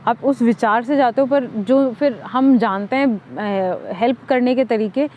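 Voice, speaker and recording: A woman from India talks things through on a podcast, thoughtful and unhurried, her voice a little high. She pauses often on filler sounds and drops English words into her speech. The audio is somewhat dull and lo-fi. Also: slight background noise. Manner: reflective, many "अ" fillers, mixes English words. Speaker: podcast co-host. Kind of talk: conversational podcast talk.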